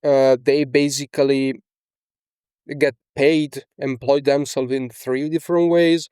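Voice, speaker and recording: Slow and level, this young man from Italy speaks with a darkish, clear, resonant tone and an Italian accent. He coaches casually in a screen-share tutorial from a small indoor room, frequently adding "okay?" and fillers. The recording is dry and studio-clean, with a medium-pitched voice.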